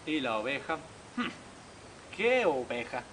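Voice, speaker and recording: A man reading a children's picture book to young listeners, slowly and with a lot of rise and fall in his voice. He imitates the animals as he goes. A steady hiss sits under the noisy recording. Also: mid-range voice. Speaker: storyteller. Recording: noisy home video recording.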